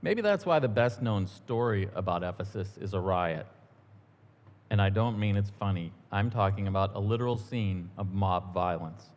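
A middle-aged man giving a relaxed, conversational sermon in church, telling stories with the odd um and aside. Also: deep voice, moderate pace. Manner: relaxed, storytelling, a few ums and asides. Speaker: church minister. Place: church sanctuary. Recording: long church-hall reverb.

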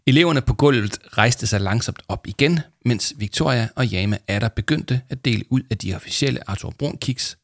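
A man calmly reading a children's book aloud as narrator. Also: medium pitch, few pauses, no echo, clean studio sound.

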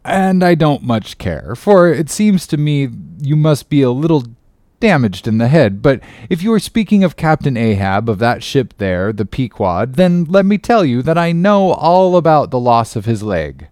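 A man's voice: mid-range voice, very animated, dark tone, no echo, studio quality, voice pushed up, close to an everyday voice. A man voicing a skeptical young sailor recruit who questions sharply and impatiently. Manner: brisk, incredulous questioning.

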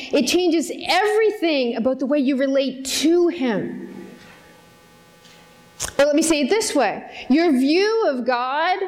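High-voiced woman preaching earnestly. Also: darkish tone. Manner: earnest, conversational preaching with direct questions to the listeners. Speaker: pastor. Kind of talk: sermon. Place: church service in front of a congregation.

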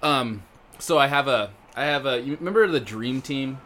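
A man's voice: medium pitch, normal speed, bright, forceful tone. A man co-hosting a podcast, talking in casual, joking banter about his evening. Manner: joking, laid-back banter. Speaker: podcast co-host. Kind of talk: casual chat.

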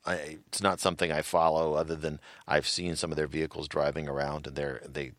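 A man's voice: a bass voice, flat delivery, brisk, fairly bright tone, no room sound, studio quality. A man co-hosting a podcast in casual chat, rambling with many fillers and frequent laughs. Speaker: podcast co-host.

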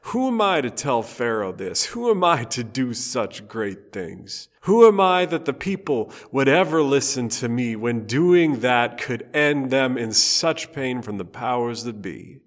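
A man's voice: medium pitch, very animated, unhurried, few pauses, long reverb tail. A man playing old Moses, an elderly shepherd who is awed, apprehensive and hesitant, in a storytelling sermon. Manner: hesitant, questioning.

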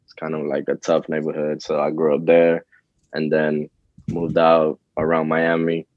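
A young man from the Dominican Republic, a rapper talking casually in an interview, relaxed and rambling with fillers. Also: rumbling low, normal speed, no echo, dull audio. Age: young adult. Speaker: rapper guest.

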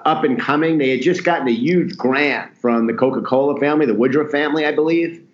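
Middle-aged man, roomy dull sound. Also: medium pitch. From Queens, New York. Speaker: interview guest. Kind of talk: casual conversational storytelling. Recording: dull, roomy, echoey audio.

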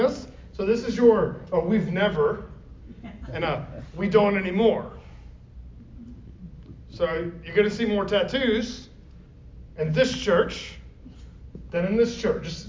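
A man with a high, slightly mellow voice leads a Bible study class, speaking conversationally and often putting questions to the group. He's in a classroom or church meeting room, and the recording is roomy, distant, and dull lo-fi with faint noise.

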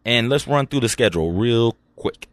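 A man's voice: mid-range voice, animated, normal speed, dry recording. Casual male sports podcast co-host. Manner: playful, predicts games one word at a time.

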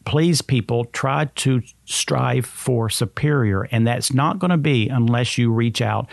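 Male podcast host, gravelly and earnest, conversational with halting rephrasing, very dry sound. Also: mid-range voice, dry recording.

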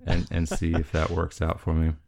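A man's voice: deep voice, completely flat delivery, normal speed, creaky, background noise. A man in his thirties hosting a podcast, chatting casually about a film, rambling with frequent laughs and restarts. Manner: rambling, laughs often, many restarts and fillers. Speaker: podcast host.

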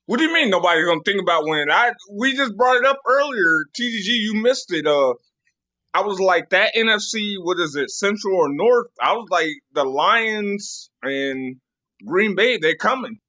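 A man's voice: high-pitched, expressive, moderate pace, bright, forceful tone, no echo, highs cut off. A man co-hosting a podcast, arguing contrarian football takes in a casual, stammering way. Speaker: podcast co-host. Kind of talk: casual sports debate.

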